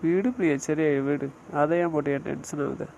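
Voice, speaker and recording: A man's voice: fairly high pitch, steady tone, a little fast, creaky, darkish tone, dull audio, a little hiss or hum. A man playing a young husband who hesitantly downplays a head injury and soothes his wife in an audio drama. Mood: soothing.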